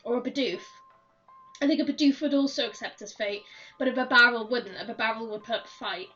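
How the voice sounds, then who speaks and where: A woman streaming a game, chatting in a rambling way with frequent laughs while her voice is hoarse and croaky. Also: a little high, quick pace, pushed and bright, soft background music. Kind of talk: casual chat while gaming. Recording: dull, slightly distant mic.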